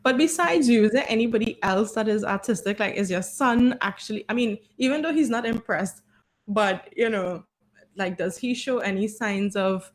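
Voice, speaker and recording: A woman hosting a podcast, chatting casually and encouragingly with a guest over a video call. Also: medium pitch. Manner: chatty, encouraging, lots of affirming "mm-hmm". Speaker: podcast host.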